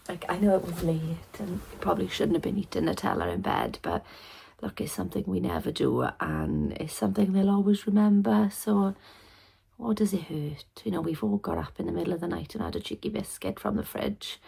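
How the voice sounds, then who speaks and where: A tired young woman chatting softly to camera from her bedroom at night, often half-whispering in a sleepy, rambling way. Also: mid-range voice, creaky, husky. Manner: soft, rambling, sleepy talk with many ums. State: tired, yawning. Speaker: family vlogger.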